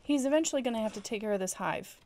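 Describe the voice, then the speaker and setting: A woman's voice: fairly high pitch, expressive, racing, a little mellow. Giggly woman explaining game quests. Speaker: let's play co-host. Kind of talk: casual gameplay chat. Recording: game music playing behind.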